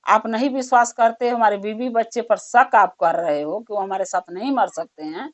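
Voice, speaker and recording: A woman's voice: mid-range voice, moderate pace, close to an everyday voice. A woman voicing a proud middle-aged male shopkeeper who talks insistently. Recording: dull muffled recording.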